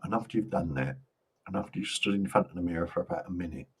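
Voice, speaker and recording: A low-pitched man with a husky, breathy edge to his voice. He leads live psychic card readings in a gentle, reassuring manner and slips in jokes along the way. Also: fast. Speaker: psychic reader.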